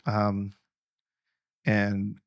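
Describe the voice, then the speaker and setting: A man's voice: fairly low pitch, monotone, drawn-out words, smooth, dry recording, studio quality. A man hosting a podcast in a casual, rambling way, restarting often and swearing freely. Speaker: podcast host. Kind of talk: casual conversation.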